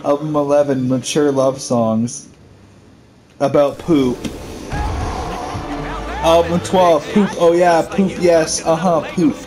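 A man's voice: a little high, steady tone, takes it slowly, long pauses, over music. A young man chatting and joking while playing a video game together with a friend, reeling off silly lists. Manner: goofy, jokey, rattles off silly lists. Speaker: gamer. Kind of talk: casual co-op gaming chat. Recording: noisy home gameplay recording.

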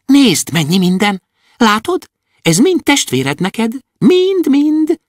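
A man's voice: no echo, clean studio sound, full character voice. Kököjszi, a man doing a thin-voiced gnome. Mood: excited, wondering. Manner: thin, high, excited calling out. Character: tiny cheerful male gnome, thin-voiced and exuberant. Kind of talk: audiobook character voice.

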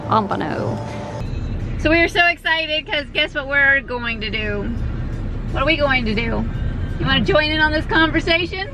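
A woman in her thirties hosting a casual vlog with a bubbly, excitable manner, filming herself at arm's length outdoors. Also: high voice, moderate pace, over music. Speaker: vlog host. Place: outdoors at a busy party, then on a boat. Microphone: handheld camera at arm's length. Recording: loud crowd chatter behind. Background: crowd.

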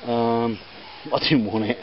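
A man speaks slowly in a steady, mid-range voice, casually chatting as he films his auction finds in a garden and workshop. He rambles with lots of ums and restarts. Crowd noise is audible, along with faint outdoor ambience, church bells and faint background noise on slightly dull camera audio.

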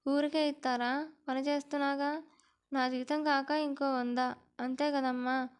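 A woman's voice: high voice, level tone, moderate pace, clear, resonant tone, close to an everyday voice. A woman storyteller voicing a poor housemaid who pleads for her wages in plain village speech. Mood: pleading.

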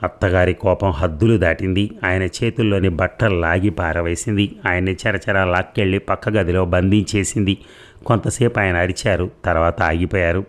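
A man narrating a first-person audio story with a measured, steady reading. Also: low voice.

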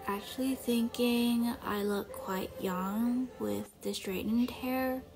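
A woman's voice: fairly high pitch, steady tone, takes it slowly. A young woman from Korea, chatting casually through a vlog with lots of fillers. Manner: chatty, loose with fillers like "like" and "you know". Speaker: vlogger. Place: bright home studio, indoors, then voice-over. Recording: talk over loud background music.

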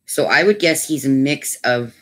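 A chatty woman with a low voice hosts a relaxed craft livestream from home. She talks easily with viewers and lapses into doting baby talk with her pets. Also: moderate pace. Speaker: craft channel host. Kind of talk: casual livestream chat.

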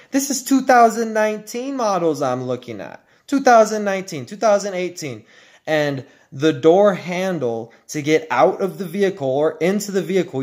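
Profane, ranting man, higher voice. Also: a little mellow. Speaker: vlogger. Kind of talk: ranting casual vlog. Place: at home with his dogs.

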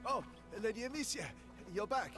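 Game servant, young, polite, eager to help. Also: male voice, extremely high pitch, expressive, bright, forceful tone, faint music behind, exaggerated voice. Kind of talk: video game dialogue.

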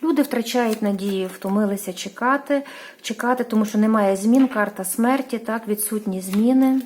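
A woman's voice: fairly high pitch, normal speed, darkish tone, a little hiss or hum. A woman from Ukraine giving a casual tarot reading, hesitant, with many fillers and restarts, apologizing for how she says place names. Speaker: tarot reader.

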